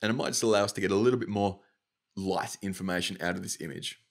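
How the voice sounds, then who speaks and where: A young Australian man with a slightly nasal, stuffy voice, casually talking through a software tutorial step by step. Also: low-pitched, quick pace, creaky. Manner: casual, upbeat, talks through each click. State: nasal from hay fever. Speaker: motion design tutor.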